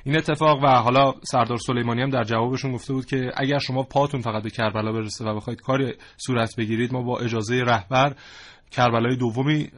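A man hosting a studio discussion, speaking haltingly with many pauses. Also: medium pitch, fairly even intonation. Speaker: host.

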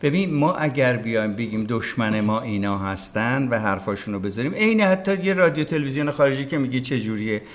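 A man, a veteran broadcaster, talking as a podcast guest in casual conversation, emphatic and opinionated, often acting out what others said. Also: medium pitch. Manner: emphatic, opinionated, acts out quoted speech.

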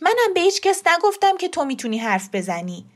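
Brief: woman voicing a feisty old grandmother for an audio story, brisk, coaxing and insistent. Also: very high-pitched, big pitch swings, pitched above the performer's own voice.

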